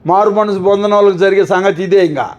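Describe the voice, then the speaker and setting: With a high voice and fairly even intonation, a pastor speaks fairly quickly into a microphone, asking rhetorical questions and repeating lists in a Telugu sermon marked by congregation call-and-response. The audio comes across dull.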